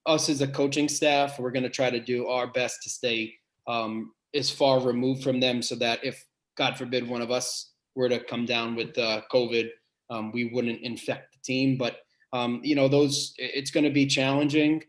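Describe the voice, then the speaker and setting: A head basketball coach with a big voice answers podcast questions earnestly, pausing and restarting as he thinks out loud. His voice is mid-range and his delivery flat.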